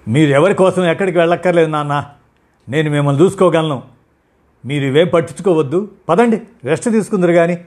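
A bitter young husband who snaps and scolds in a raised, loud voice. His tone is husky and reproachful, as a male storyteller plays him. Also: on the high side, fast talker, pitched above the performer's own voice, natural voice. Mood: urgent. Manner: reproachful, snapping.

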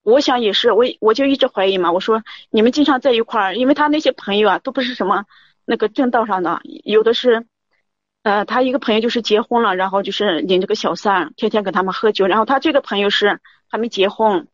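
A caller with a medium-pitched voice confides her story to a show host, running her words together quickly and circling back, repeating "I said" as she recounts each exchange. The audio is dry and muffled, with no echo.

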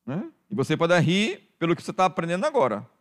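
A middle-aged Brazilian pastor, a man with a Brazilian Portuguese accent, preaching with a somewhat high voice. He keeps calling the congregation "dear" and swings between quiet, intimate stretches and loud, rising passages. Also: wildly swooping pitch, fast. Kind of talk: sermon.

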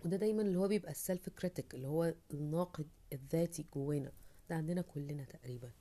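Woman, Egyptian Arabic accent, podcast host, lowish voice, casual reflective talk. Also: racing, mellow. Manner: conversational, thinks aloud, acts out inner voices.

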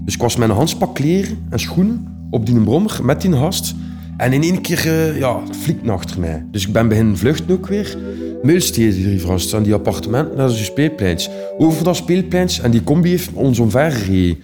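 A man's voice: mid-range voice, very animated, moderate pace, over music. A young Flemish man telling his own stories casually, rambling in a streetwise way with many fillers. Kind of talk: casual personal storytelling.

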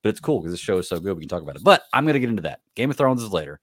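A man's voice: low-pitched, very animated, very fast, husky, no echo, clean studio sound. A man hosting a casual podcast, chatting and bantering with his co-hosts. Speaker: podcast host.

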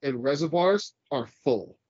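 He's a podcast co-host from California, congested and chatting loosely, full of profanity, tangents, and frequent laughter. His voice is on the high side, animated yet unhurried, husky and darkish, in a dry, muffled recording.

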